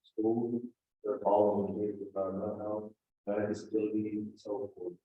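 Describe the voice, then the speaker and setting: Man, nonprofit director, husky flat low voice, tinny phone-like audio. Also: normal speed. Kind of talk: casual self-introduction. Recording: phone-like band-limited sound.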